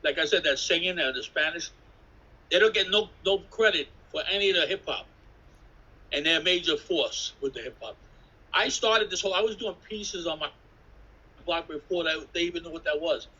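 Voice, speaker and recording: Husky older New man rambling. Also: a little high, normal speed, pushed and bright, highs cut off. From New York City. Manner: swearing, laughing, jumps between stories. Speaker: interviewee, graffiti artist. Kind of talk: rambling casual storytelling. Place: indoors at an artist residence. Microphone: video call.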